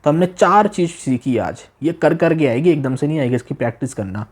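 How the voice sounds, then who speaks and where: A man teaching a beginner language demo class, repeating phrases slowly, asking the listener questions and exaggerating his tone to show meaning. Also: on the high side, lively intonation, darkish tone, slightly rough. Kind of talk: demo class lesson taught in Hindi.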